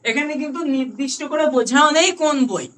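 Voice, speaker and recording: A woman with a Bengali accent and a high voice gives an online grammar lesson. She explains patiently, slowing down to repeat key words and often checking whether her students have understood. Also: expressive, a bit bright, slight background noise. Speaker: English grammar tutor.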